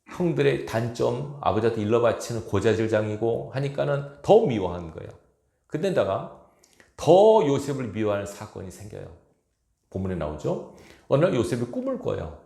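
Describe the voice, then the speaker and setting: A man's voice: mid-range voice, vocal fry, darkish tone, echoey room. A male pastor preaching a storytelling sermon in a church, acting out the characters' quoted words. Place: church sanctuary.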